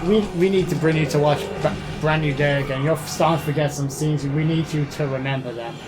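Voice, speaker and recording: A woman joking around during a game playthrough in casual group banter, playful and quick to tease. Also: low voice. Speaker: let's play commentator. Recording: music playing behind the voice.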